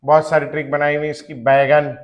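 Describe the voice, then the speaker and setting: A man's voice: on the high side, level tone, a little fast, highs cut off. A male teacher giving a classroom chemistry lecture, chanting element names in rhythm and joking with students. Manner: addresses students as beta, jokes about fathers.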